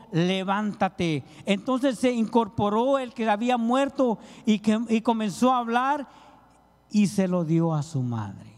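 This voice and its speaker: A man's voice: high-pitched, darkish tone. A man preaching a sermon, pleading with his listeners and calling them brother. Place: church hall. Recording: reverberant church hall.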